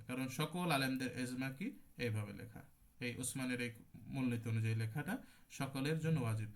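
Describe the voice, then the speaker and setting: A man with a Bangladeshi Bengali accent teaching an online Quran recitation class. He explains patiently, repeats terms and demonstrates how words are recited. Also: medium pitch.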